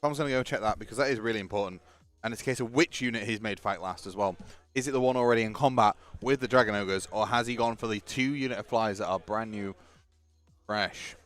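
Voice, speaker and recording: A man's voice: lowish voice, fast talker, a bit bright, smooth. A man giving casual live-stream commentary on a tabletop game, chatty and joking while he sorts out the stream.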